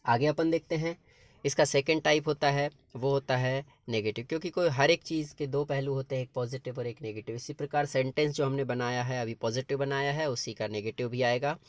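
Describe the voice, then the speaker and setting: A man's voice: mid-range voice, steady tone, fairly quick, dry recording. A male teacher explaining grammar patiently, step by step, in a classroom-lesson style. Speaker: English teacher.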